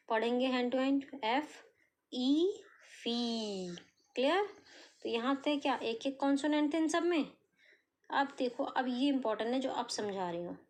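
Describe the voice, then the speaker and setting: A woman teaching shorthand step by step, asking questions and answering them herself, sounding out letters slowly. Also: high-pitched. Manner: explains patiently, asks and answers her own questions, sounds out letters slowly. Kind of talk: step-by-step tutorial.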